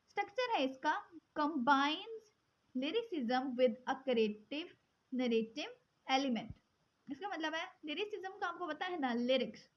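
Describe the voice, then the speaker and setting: A woman teaching English poetry forms, switching between Hindi-Urdu and English and reading English definitions slowly. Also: high voice, bright, forceful tone. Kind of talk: explaining poetry forms in a lesson. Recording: dull lo-fi sound.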